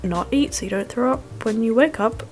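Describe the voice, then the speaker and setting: A woman's voice: a little high, moderate pace, a little mellow. A young woman doing a casual vlog voice-over in a rambling, wry, self-deprecating way with slangy phrasing. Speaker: food vlogger. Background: music.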